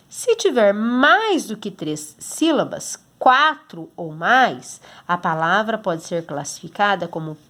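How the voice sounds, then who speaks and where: A woman with a Brazilian Portuguese accent, a teacher explaining a homework exercise to children patiently, step by step, checking in often. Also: medium pitch. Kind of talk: recorded homework lesson for children.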